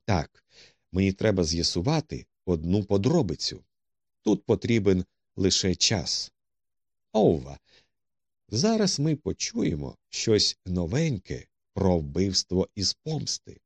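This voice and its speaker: A man's voice: low voice, big pitch swings, takes it slowly, no room sound, exaggerated voice. A man voicing a cool, dry-witted male detective who speaks tersely and with command.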